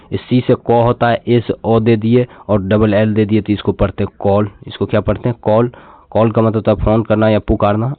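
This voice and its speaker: A man teaches pronunciation with a fairly low voice, checking in with his students and repeating each word. The recording is dry and tinny, like a phone line, with no room echo. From India. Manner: repeats each word and asks the class what it is read as. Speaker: English teacher. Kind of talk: classroom lesson, explaining step by step.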